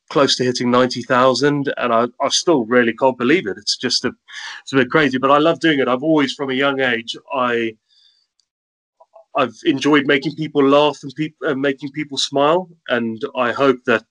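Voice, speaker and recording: Cheerful stories about his work and life come from this South African-accented content creator, a guest in a laid-back interview. The voice is mid-range and a bit bright, though the recording is rough.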